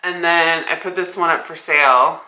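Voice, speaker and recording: A woman's voice: low-pitched, fairly even intonation, normal speed, bright, forceful tone, reverberant. A young woman talking casually to her camera in a vlog, rambling with many "like" fillers. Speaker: vlogger. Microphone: small 360 camera.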